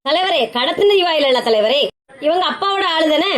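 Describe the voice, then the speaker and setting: A woman's voice: extremely high pitch, expressive, normal speed. A woman playing a timid young village husband in a comedy skit, making excuses and pleading.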